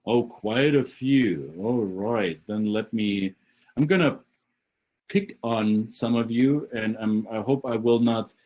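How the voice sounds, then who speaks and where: A man leading an online session as a guest speaker, talking quickly and often restarting his sentences over a video call. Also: medium pitch, expressive, a little mellow, rough recording. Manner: brisk, halting with repeated restarts. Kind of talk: conversational talk on a video call.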